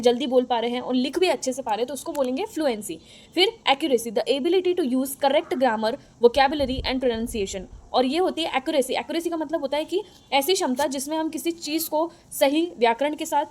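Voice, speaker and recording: Woman, high-pitched, young, teacher, step-by-step explanation with fillers. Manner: explains step by step, restating each point with fillers. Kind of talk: exam-prep lecture.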